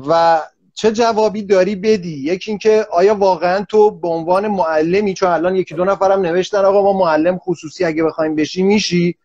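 Guy hosting a chat, high-ish voice, rambles a lot, dry muffled sound. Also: fairly even intonation, hardly any pauses, a little mellow, no room sound. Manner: rambling, long winding questions. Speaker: interview host. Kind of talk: casual interview questions.

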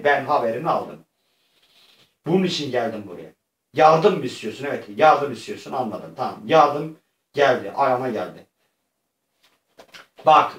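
A man voicing a mysterious spirit who hands out quests in slow, deliberate instructions, recorded in an echoey room away from the mic. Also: mid-range voice, distant mic, lightly acted.

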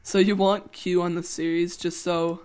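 A man's voice: high voice, little pitch movement, moderate pace, a little mellow, clean tone. A teenage boy giving rambling, playful commentary while playing a game, with goofy jokes. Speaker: let's play host. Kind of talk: casual gameplay commentary.

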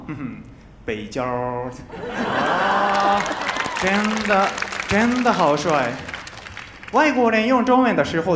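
A man in his twenties from Japan, a native Japanese speaker, doing stand-up with a Japanese accent and careful learner's phrasing on a handheld mic. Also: high-pitched. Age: 20s. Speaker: stand-up comedian. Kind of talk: stand-up comedy monologue. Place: large TV studio stage with live audience. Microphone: handheld microphone. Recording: roomy stage sound with audience noise.

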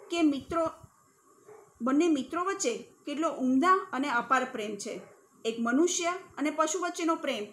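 A woman teacher reading a story aloud for a class and then explaining it, acting out the characters' shouts with feeling. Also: high-pitched.

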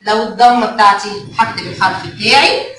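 A woman's voice: medium pitch, fast talker, a bit bright. A woman with an Egyptian Arabic accent teaching a kindergarten phonics lesson, asking questions and answering them herself in a coaxing way, drawing out the letter sounds. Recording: very echoey room, mic far off, faint noise.

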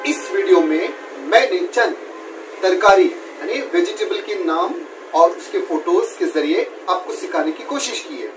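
A man teaching English pronunciation, drawing out and repeating each word slowly and calling his viewers dear students. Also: sits high, sing-song, a little hiss or hum. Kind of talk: pronunciation lesson.

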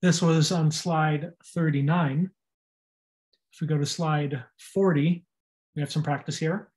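A man's voice: on the high side, fairly even intonation, a little slow, a little mellow. A man giving a recorded anatomy lecture over slides, spelling out and repeating terms and stressing how to pronounce them.

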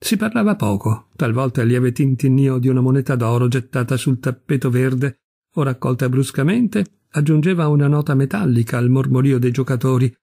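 Brief: male audiobook narrator, dark husky timbre, lively, expressive reading. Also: medium pitch, no echo, clean studio sound. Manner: expressive, measured storytelling. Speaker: narrator reading a short story. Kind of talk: scripted literary reading.

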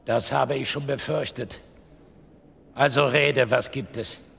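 Gravelly, grumpy King Saul, echoing hall. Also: mid-range voice, steady tone, takes it slowly, fairly bright tone. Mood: weary, dreading. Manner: grumbling, peevish, commanding. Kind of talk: radio play acting.

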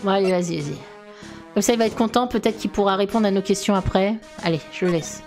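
A woman's voice: mid-range voice, quick pace, darkish tone, faint music behind. A woman streamer giving blunt, casual commentary while playing a video game. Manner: blunt, swears freely. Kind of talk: casual let's-play commentary.

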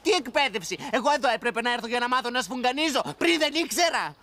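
An actor playing a whiny young foreign army recruit who phones home to complain. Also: male voice, very high voice, animated, bright, forceful tone, faint music behind, full character voice. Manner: plaintive, complaining, drawn-out pleading. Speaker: soldier calling by phone.

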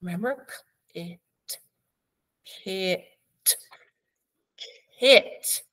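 A woman teaching a preschool phonics lesson, sounding out letters and words slowly and praising the child. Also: mid-range voice, a bit bright. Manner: slow, encouraging, sounds out letters.

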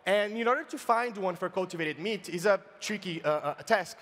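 A man giving a playful comic science talk on stage, halting often and filling pauses as he explains. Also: high-pitched, fairly bright tone. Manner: playful, halting, with many fillers and restarts. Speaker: science slam presenter. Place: large event stage, indoors. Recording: reverberant live event hall.

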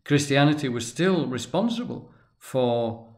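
A man lecturing at length off the cuff, speaking deliberately and pausing often, with restarts as he stresses key words. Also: medium pitch, lively intonation. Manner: deliberate, halting, with restarts and emphatic pauses. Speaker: tarot and religion commentator. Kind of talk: unscripted lecture.

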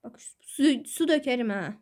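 A woman chatting playfully while role-playing a game, teasing and giggly in quick back-and-forth. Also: fairly high pitch, lively intonation, darkish tone.

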